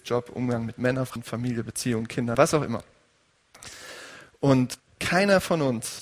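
Male pastor, gravelly voice, conversational sermon, recorded in a reverberant church hall. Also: medium pitch. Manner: conversational preaching, asks the congregation questions.

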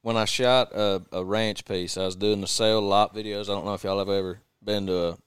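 A man's voice: fairly low pitch, fairly even intonation, fairly quick, clean tone, no echo, clean studio sound. A man guest telling a rambling story in casual podcast chat, often stopping to correct himself.

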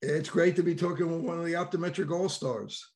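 A middle-aged man with a New York accent, interviewing a colleague in a measured, conversational way. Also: on the high side, steady tone, darkish tone. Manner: conversational, measured questions with fillers. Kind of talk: professional interview.

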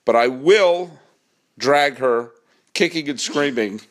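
A man's voice: mid-range voice, expressive, slow. A man hosting a casual baseball podcast, joking and projecting as he performs. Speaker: podcast host.

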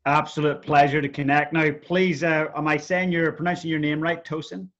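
A man's voice: on the high side, level tone, moderate pace, a bit bright, dull audio. A man with a Northern Irish accent, a guest coach on a podcast, chatting in an upbeat, affable way over a video call. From Northern Ireland. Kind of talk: casual interview chat.

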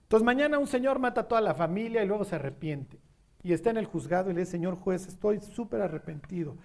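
A man's voice: high-pitched, expressive, quick pace, a little mellow. A man with a Mexican accent preaching a sermon, talking conversationally and often checking whether the audience follows. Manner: conversational, asks the audience questions.

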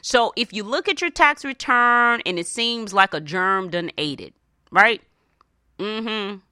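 Slow, expressive and bright, this woman's mid-range voice carries a forceful, clean tone in an echo-free studio recording. She hosts a money advice show on the radio, giving motivational personal finance talk emphatically and colloquially, frequently checking in with quick questions.

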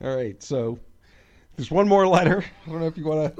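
A man's voice: a little high, lively intonation, brisk, lo-fi sound, crowd noise. A man co-hosting a comedy podcast, talking loosely with laughs and swearing. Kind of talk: casual comedy banter.

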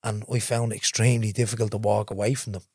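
A man's voice: fairly low pitch, little pitch movement, quick pace, a little mellow, husky, no echo, studio quality. Earnest Dublin man telling his story. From Ballymun, Dublin, Ireland. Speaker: interview guest. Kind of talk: candid storytelling.

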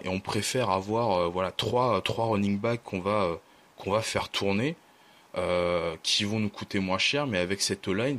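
A man's voice: fairly low pitch, fairly bright tone. A man talking casually on a podcast, thoughtful and hesitant, with many fillers and restarts. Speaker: podcast guest, team fan.

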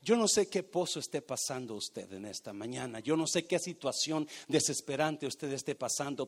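A middle-aged man delivers a sermon from the pulpit. His voice sits high for a man. He tells a personal story with dramatic flair and swells loud on key words. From Mexico. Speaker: pastor.

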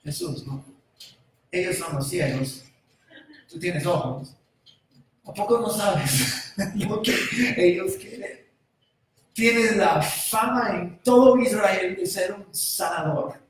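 High-voiced preacher, booming and echoey. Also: male voice, slow pace, pauses often, slight background noise. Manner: swings from quiet musing to loud shouting. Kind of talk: sermon. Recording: roomy echo from far off.

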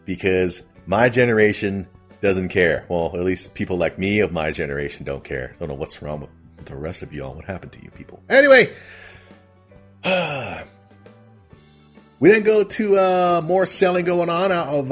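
A man's voice: fairly low pitch, expressive, moderate pace, soft background music. A man hosting a casual comedic recap of a TV episode, rambling and amused at his own retelling. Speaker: host.

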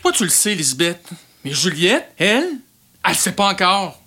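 A woman's voice: on the low side, very animated, normal speed, sharp tone, breathy edge, exaggerated voice. A woman voicing an exasperated male amateur theatre director with a Quebec French accent, who keeps correcting his actors.

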